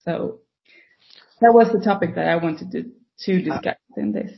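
Woman recruiter, thoughtful, some vocal fry, muffled lo-fi recording. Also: on the low side, normal speed. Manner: thoughtful, steady explaining with fillers. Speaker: guest, tech recruiter. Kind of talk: casual podcast discussion. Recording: dull lo-fi sound.

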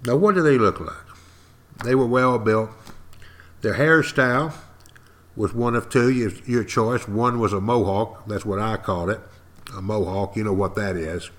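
An older man with an East Texas accent gives an informal history monologue as a podcast host, folksy and wry, leaning on repetition and pauses for emphasis. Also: fairly low pitch, fairly bright tone. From East Texas, United States.

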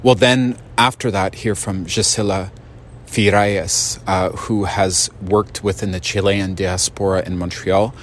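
A male radio host with a very low voice introduces the program, pausing often on fillers. Faint noise sits behind him. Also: fairly even intonation. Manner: hesitant, many fillers.

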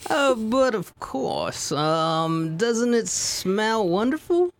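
A woman playing a bumbling prim young gentleman. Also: a little high, very animated, drawn-out words, no room sound, full character voice. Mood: flustered. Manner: flustered, stammering, prim. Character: bumbling genteel young gentleman, nervous and vain.

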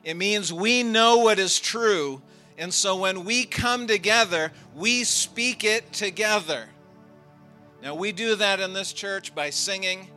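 Bright-voiced male pastor preaching. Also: sits high, slow, faint music behind. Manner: earnest, emphatic preaching. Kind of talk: sermon and prayer. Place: church.

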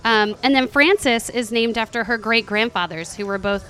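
A woman's voice: on the high side, normal speed, pushed and bright. A woman teacher, a guest on a chat show, answering in a chatty, bubbly way at a restaurant table. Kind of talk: casual interview answers.

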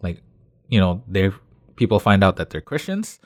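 A man's voice: low voice, very animated, moderate pace, dry recording, studio quality. A man from Canada co-hosting a casual chat, explaining his views at length with frequent fillers. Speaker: podcast co-host.

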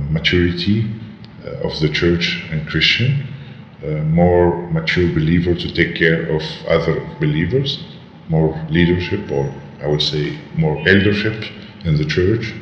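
Church leader from North Africa, a man with a disguised voice, pitched extremely low and slowed down, halting speech. Dull, roomy recording with a long reverb. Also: steady tone, a little hiss or hum. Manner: halting, searching for words. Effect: voice disguised, pitched very deep and slowed. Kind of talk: interview answers.

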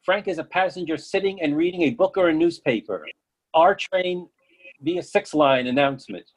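A man's voice: on the high side, expressive, moderate pace, poor audio. A man reading stage directions as scripted narration for a play.

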